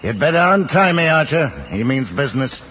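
A man's voice: on the high side, big pitch swings, brisk, fairly bright tone. An American actor playing a stubborn, scornful middle-aged father in an old-time radio western, with a blustering, defiant manner. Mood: scornful, impatient. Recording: muffled, noisy old radio recording.

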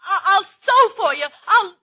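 A dull, lo-fi radio recording of a brassy gun moll. She pleads and seduces melodramatically in a high, very sharp voice. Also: animated, unhurried, exaggerated voice. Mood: pleading. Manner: melodramatic, tough and flirtatious. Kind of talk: old-time radio comedy acting.

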